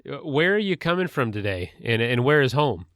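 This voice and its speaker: A man's voice: medium pitch, sing-song, fairly quick, a bit bright, no room sound, studio quality. A male podcast host who introduces his guest and asks questions in an upbeat, eager, conversational way.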